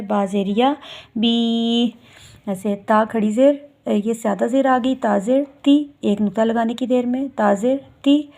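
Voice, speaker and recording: A woman's voice: a little high, gravelly, warm tone. A woman teaching a recitation lesson to viewers, patiently drawing out each example sound and explaining step by step. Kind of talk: instructional video lesson.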